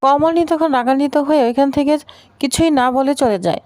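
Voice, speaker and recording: A woman retelling a TV serial plot in a brisk, plain storytelling manner. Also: sits high, a little mellow, dry recording. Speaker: story narrator.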